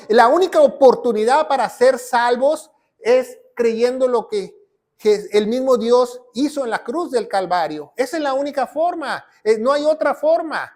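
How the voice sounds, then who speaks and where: A man's voice: extremely high pitch, darkish tone. A male pastor preaching a sermon, emphatic and repetitive, often quoting scripture. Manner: emphatic preaching, repeats phrases, quotes scripture. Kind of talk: sermon teaching.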